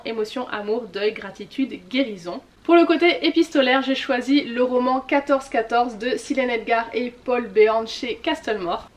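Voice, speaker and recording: A woman presenting her autumn reading list as a video host, listing themes and titles in a casual, chatty way, her voice trailing off at the end of each list. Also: fairly high pitch. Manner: lists keywords in a trailing tone. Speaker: booktuber.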